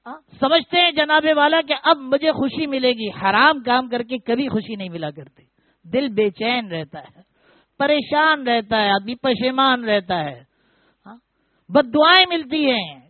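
A man's voice: very high-pitched, lively intonation, no room sound. A man preaching a humorous sermon, telling stories and keeping up banter with his listeners. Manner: joking, storytelling, keeps addressing listeners as brother. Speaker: preacher who performs weddings. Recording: tinny phone-like, dry sound.

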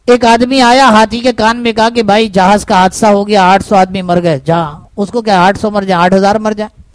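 Preacher, male, unusually high voice, dry close sound, storytelling sermon with rhetorical questions. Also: steady tone, no echo, low-quality recording.

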